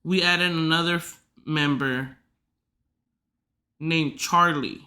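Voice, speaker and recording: Bright-voiced chatty woman podcaster. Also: low-pitched, fairly even intonation, takes it slowly. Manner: rambling, filler-heavy, giggly asides. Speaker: podcast host. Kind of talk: casual chat.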